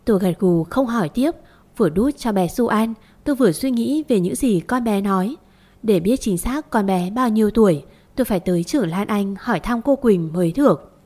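A woman narrating a first-person story, gentle and coaxing when speaking to a child. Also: medium pitch, lively intonation, a little fast.

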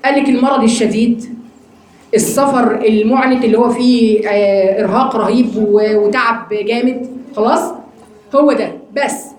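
A woman's voice: a little high, steady tone, moderate pace, a little mellow, roomy sound. A woman with an Egyptian Arabic accent teaching a religious study class, often putting questions to her students. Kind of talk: religious lesson to a women's class.

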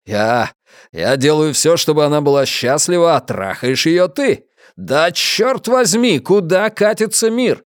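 A man's voice: on the high side, lively intonation, measured pace, smooth, no room sound. A jealous, hot-headed police officer voiced by a man reading aloud talks in an angry, raised, crude voice. Dry, close audiobook recording. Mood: furious.

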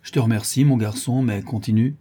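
A man voicing a composed nobleman in disguise who speaks calmly and with authority. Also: medium pitch, fairly quick, breathy edge, close to an everyday voice.

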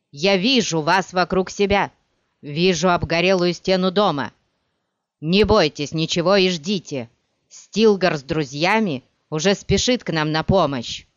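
A reader voicing a blind young male emperor who speaks calmly and with command, in a dull, dry audiobook recording. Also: medium pitch, unhurried, smooth, no room sound, lightly acted. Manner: steady, commanding, prophetic. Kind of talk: audiobook character reading.

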